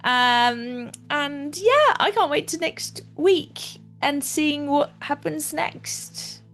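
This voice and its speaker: A woman's voice: sits high, lively intonation, very slow, a bit bright, soft background music. A woman player chatting casually in a hesitant, rambling way. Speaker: tabletop game player. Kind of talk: casual chat.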